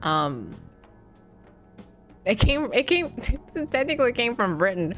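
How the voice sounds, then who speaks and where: A young Canadian woman streams a game and chats casually, rambling with lots of fillers, restarts and frequent laughter. Her voice is fairly high and sing-song, she speaks slowly, and faint music plays behind her.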